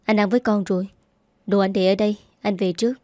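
A woman's voice: medium pitch, steady tone, quick pace, warm tone, dry recording, studio quality, natural voice. A woman voicing a stern, reserved young father in a spoken story, firm and clipped. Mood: curt.

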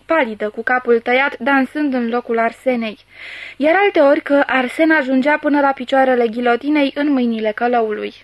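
A woman narrating a classic novel as an audiobook, in a steady, measured reading. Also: high voice, dry recording.

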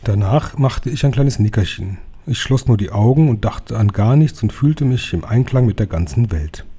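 Calm man with a dark, husky voice. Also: lowish voice, normal speed. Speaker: reader. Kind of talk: audiobook narration.

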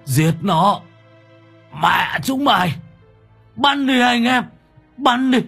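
A man voicing an old, shell-shocked male war veteran who cries out in a high, strained voice in an audiobook. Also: animated, slow, creaky, a bit bright, husky, soft background music, full character voice. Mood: furious.

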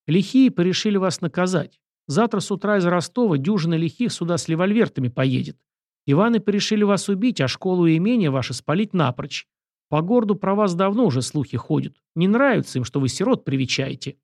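A man's voice: sits high, expressive, fairly quick, a little mellow, no room sound, studio quality, voice pushed up. A man voicing a frightened, ragged ten-year-old street boy who pleads in rustic speech. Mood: urgent.

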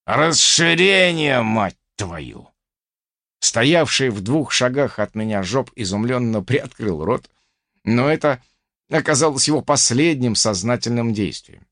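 Male audiobook narrator, vivid first-person storytelling, animated range, dry booth sound. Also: medium pitch, normal speed, dry recording.

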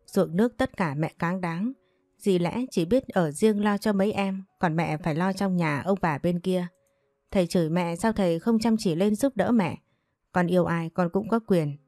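A woman voicing a stubborn, calm young man of twenty who answers his father firmly. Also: lowish voice, dry recording, clean studio sound, close to an everyday voice. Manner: calm, firm.

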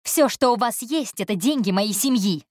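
A woman reading an audiobook, voicing a spoiled, indignant young heiress who raises her voice high and strained. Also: expressive, moderate pace, darkish tone, dry recording, studio quality, natural voice. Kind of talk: audiobook character voice.

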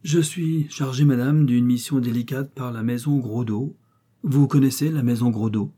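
A smug young shop clerk, as a male reader puts him on, fussy and pompous, full of overly polite salesman talk. The voice stays dark and somewhat husky. It sounds like a storybook reading. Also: mid-range voice, steady tone, moderate pace, voice pushed up, lightly acted.

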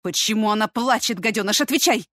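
A stern middle-aged mother who runs a school , voiced by a woman reading aloud. She snaps and demands answers in a raised, high, forceful voice. The sound is dry and close, with no room around it. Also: animated, a little fast, dry recording. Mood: alarmed. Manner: sharp demanding outbursts.

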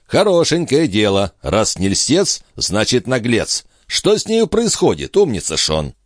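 A man reading an audiobook, voicing a breezy, impudent gentleman. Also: mid-range voice, wildly swooping pitch, unhurried, dry recording, studio quality, voice pushed up. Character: cheeky, insolent grown man, the countess's brother-in-law.

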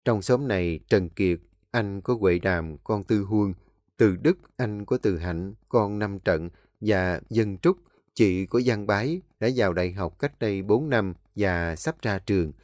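A man's voice: fairly low pitch, unhurried, dry recording. Man narrating a story, dry sound. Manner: steady storytelling. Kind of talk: audiobook narration.

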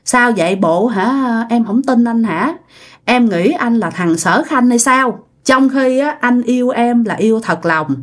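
A woman's voice: a little high, expressive, measured pace. A woman voicing a young man who pleads and sweet-talks his girlfriend. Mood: coaxing. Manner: pleading, wheedling.

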